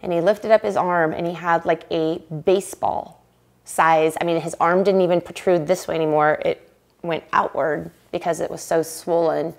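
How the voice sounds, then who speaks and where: A woman telling a personal story in an animated, casual way, full of fillers. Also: on the low side, normal speed, vocal fry. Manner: animated, acts out quotes, casual fillers like "like" and "right?". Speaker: interviewee telling her story.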